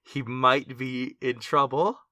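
A man's voice: mid-range voice, takes it slowly, no echo. Man, game master, tabletop game, matter-of-fact, dry close sound. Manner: relaxed, matter-of-fact narration with dice results. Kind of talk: running a tabletop game over a call.

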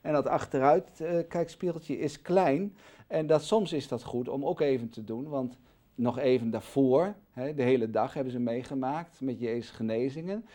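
A man, a Bible teacher and studio guest, explaining scripture in a conversational way, dropping to soft asides and then rising to loud, emphatic peaks. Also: mid-range voice, normal speed. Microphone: studio microphone.

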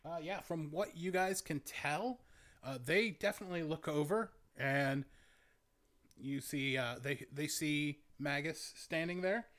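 A man runs a tabletop game as its game master, his voice sitting a little high as he paints each scene. He talks slowly and stops often to hunt for the next word. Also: fairly bright tone. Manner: halting, searching descriptions.

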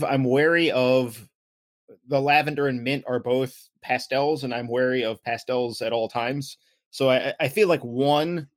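A man's voice: mid-range voice, dry recording, clean studio sound. A young man co-hosting a casual sports podcast, rambling and wry, often correcting himself mid-sentence. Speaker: podcast co-host.

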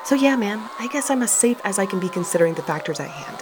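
A woman's voice: mid-range voice, animated, fast talker, natural voice. A woman playing a sardonic, profane young narrator. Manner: sarcastic and profane, often panicky. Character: sardonic young woman narrating her own reckless stunt. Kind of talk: first-person audio drama narration. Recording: audible background noise.

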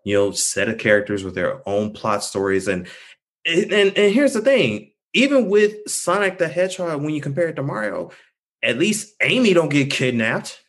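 A man co-hosting a casual podcast, ranting animatedly and often asking whether the others follow him. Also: normal speed. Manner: animated, swinging from low to high. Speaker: podcast co-host.

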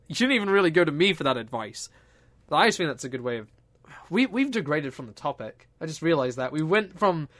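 Young guy, rambling jokey podcast banter, bright slightly high voice. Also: dry recording. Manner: rambling, joking, swears freely. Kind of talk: casual chat.

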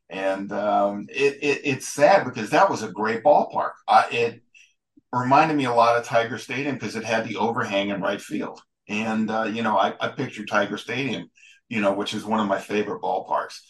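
A man with a lowish voice talks casually as a podcast guest, rambling along and restarting his sentences often. He sounds relaxed and conversational, answering questions at length. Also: low-quality recording. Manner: rambling, halting, with many restarts. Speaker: guest, ballpark photographer and historian. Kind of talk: casual interview talk.

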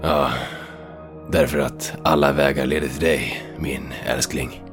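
A man's voice: extremely low pitch, fairly even intonation, over music. An actor playing a brash, foul-mouthed male hero in a video game, boastful, profane and given to talking to himself. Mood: low, tender.

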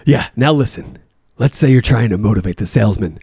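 A male actor playing a stressed manager in pain, halting and feebly pleading as he struggles to speak. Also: lowish voice, animated, creaky, warm tone, breathy edge, no room sound, clean studio sound, exaggerated voice.

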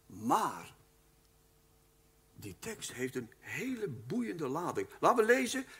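A man giving a Bible teaching lecture at a live event, speaking in an animated, emphatic way and addressing his listeners formally. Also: fairly high pitch, slow pace, husky. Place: live talk at a weekend event.

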